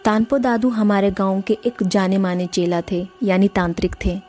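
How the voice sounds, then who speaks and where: Woman narrating her own spooky story, earnest and emotional, soft music in the back. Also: medium pitch, little pitch movement, moderate pace. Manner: earnest, emotional, addresses listeners as friends. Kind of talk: first-person horror story narration. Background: faint music.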